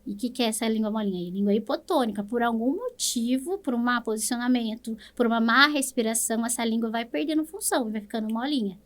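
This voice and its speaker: A woman with a Brazilian Portuguese accent speaks in a slightly high voice, quickly and with barely any pauses. She's a speech therapist patiently explaining things in an interview, frequently closing phrases with a checking "né?".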